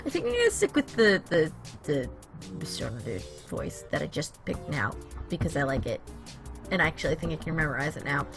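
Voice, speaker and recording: A woman's voice: deep voice, wildly swooping pitch, a little fast, music in the background. A woman streamer reading game text aloud and breaking in with teasing, jokey asides. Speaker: let's play streamer.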